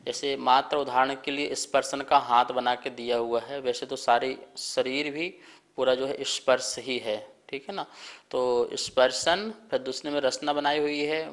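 A man leads a televised scripture lesson. His pitch is unremarkable, and he talks in a calm, measured way. He breaks words into sounds and coaches careful pronunciation, pausing for the class to repeat. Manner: calm, deliberate explaining with careful pronunciation drills; leads call-and-response recitation. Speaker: religious teacher leading a scripture class.

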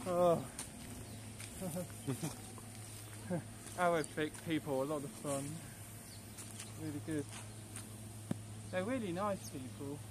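A man's voice: fairly high pitch, very slow, pauses often, noisy background. A man chatting casually and giggling often while he speaks through a costume head. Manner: giggly and playful, laughs often. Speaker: fursuiter. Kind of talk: casual chat.

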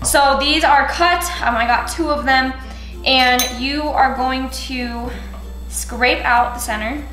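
A young woman in her twenties walks through a meal-prep routine in a casual, upbeat way, explaining each step as she goes. Her voice sits a little high. The kitchen sounds roomy and echoey, with faint music underneath. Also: slow pace. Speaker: lifestyle vlogger. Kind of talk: casual cooking tutorial. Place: home kitchen, indoors. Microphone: camera mic from a few steps away.

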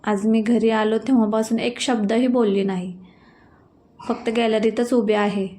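A woman voicing a calm, sensible young husband in a storybook reading, speaking in a gentle, even tone. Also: sits high, measured pace.

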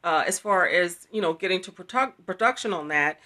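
This middle-aged woman hosts, writes and produces an audio drama series, and here she's promoting it in a casual video chat shot on a phone held at arm's length in a small room. Her low-ish voice is animated, brisk and sharp as she keeps repeating phrases with enthusiastic emphasis.

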